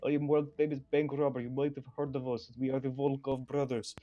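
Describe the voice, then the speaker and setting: A man's voice: medium pitch, little pitch movement, brisk, no room sound, natural voice. A man voicing a menacing male bank robber with a put-on Russian accent and broken English, over a dull lo-fi voice chat. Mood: threatening. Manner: broken English, threatening, curt.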